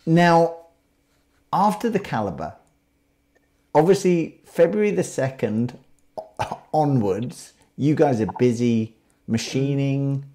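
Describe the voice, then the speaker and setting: A man's voice: medium pitch, lively intonation, slow pace, pauses often, mellow. A man hosting a casual interview, asking questions in a chatty, upbeat way. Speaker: podcast host.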